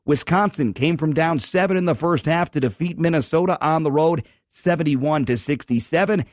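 A man hosting a sports radio show in an emphatic delivery, his voice hoarse from cheering. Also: fairly high pitch, moderate pace, no room sound, studio quality. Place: radio studio.

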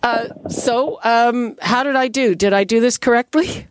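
A woman's voice: fairly high pitch, a little slow, no room sound, poor audio. Woman hosting radio, dry studio sound. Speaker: radio host. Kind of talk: conversational radio interview hosting. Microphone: studio microphone.

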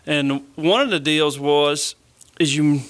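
A man's voice: a little high, slow, fairly bright tone. A man with a Southern US accent recalling army service as an interview guest, casual and explanatory, often saying "you know". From Mississippi, US. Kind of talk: casual conversational recollection.

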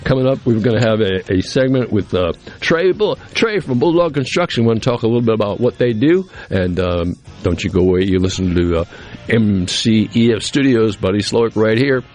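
A man's voice: fairly low pitch, expressive, a little fast, darkish tone. A man hosting a radio show, chatting casually and giving practical tips in a rambling, folksy way.

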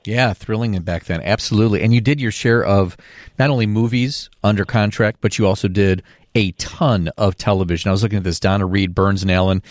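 A man's voice: on the low side, fairly even intonation, brisk, dry recording, studio quality. A man hosting a radio interview in an easygoing way, with many fillers. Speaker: radio host.

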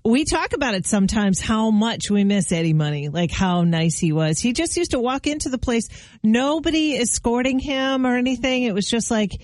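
A woman's voice: fairly high pitch, animated, moderate pace, darkish tone, dry recording, studio quality. A woman co-hosting a morning radio show, chatting casually, teasing her partner and laughing easily.

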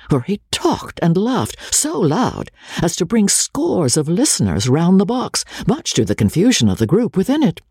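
A man reads a classic novel aloud as an audiobook narrator, giving expressive literary narration with a dramatic, swooping delivery and many character voices. His medium-pitched voice is husky and darkish with vocal fry, recorded dry at studio quality.

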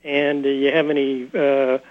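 A man on a tinny, dry phone line calls in to a radio sports show. His voice sits a little high and stays flat and even as he politely asks his questions. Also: unhurried, no room sound. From Texas. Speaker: caller.

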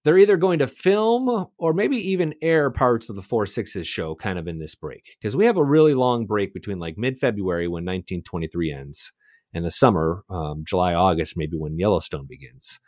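Lively low-voiced man recapping TV. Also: moderate pace, no room sound, clean studio sound. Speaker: podcast co-host. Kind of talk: casual TV recap chat.

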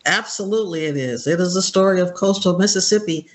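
A woman's voice: on the low side, fast. A woman of seventy, a guest on a radio talk show, speaking casually and upbeat. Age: 70s. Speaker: interview guest. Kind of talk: casual interview chat.

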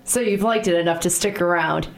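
A woman's voice: lowish voice, brisk, gravelly, echoey room. A woman hosting a TV interview show in a studio, upbeat and chatty. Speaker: TV show host.

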